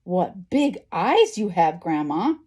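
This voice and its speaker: A woman's voice: lowish voice, sing-song, takes it slowly, mellow, slightly rough, full character voice. A woman voicing an innocent, trusting little girl with a hesitant manner in a children's storybook. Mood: concerned. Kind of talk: children's storybook read-aloud.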